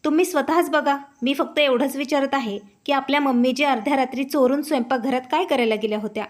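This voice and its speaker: A woman voicing a harsh, sharp-tongued young wife who accuses loudly. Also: high voice, quick pace, close to an everyday voice. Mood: shouting. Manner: loud, accusing.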